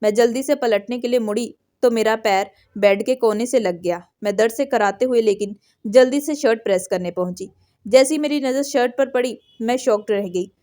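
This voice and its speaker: Brief: woman storyteller, first-person emotional narration, dark mellow tone, fairly high. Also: moderate pace.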